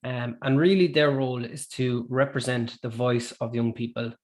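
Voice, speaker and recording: Casting: male Irish webinar presenter, medium pitch, informal explanatory delivery. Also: fairly even intonation, moderate pace, a little mellow.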